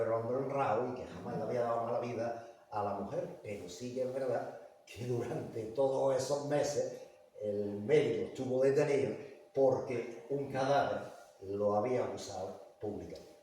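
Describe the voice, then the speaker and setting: A man's voice: medium pitch, normal speed, mellow, far from the mic, a little hiss or hum. Man telling local legends, echoey hall. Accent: Andalusian Spanish. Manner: conversational, asks the audience. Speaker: lecturer. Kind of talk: public talk, storytelling. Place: large echoey palace hall.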